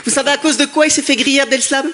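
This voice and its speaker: High-voiced man doing stand-up from Brussels. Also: steady tone, racing, a little hiss or hum. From Brussels, Belgium. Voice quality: high, soft voice that wavers. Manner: joking banter with the audience, self-mocking. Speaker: stand-up comedian. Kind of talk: stand-up comedy set. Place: theater stage before a live audience. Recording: live stage recording with loud crowd. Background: loud audience laughter and cheering.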